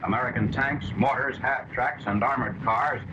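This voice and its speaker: A man narrating an old wartime newsreel in crisp, clipped announcing phrases. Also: medium pitch, moderate pace. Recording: dull lo-fi 1940s newsreel soundtrack with faint hiss.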